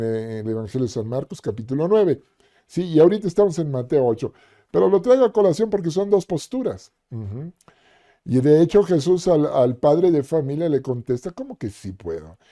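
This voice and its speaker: Male preacher, dark warm tone, conversational sermon delivery. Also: mid-range voice. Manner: conversational, acts out quoted voices, frequent "ujú" fillers.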